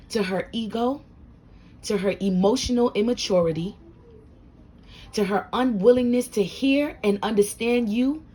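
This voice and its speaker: A woman's voice: medium pitch, darkish tone. Scratchy-voiced woman preaching hard truths. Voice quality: scratchy, husky smoker's voice. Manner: blunt, preachy, talks straight to the viewer. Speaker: vlogger giving life advice. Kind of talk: fiery motivational talk to camera. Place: home room with a door.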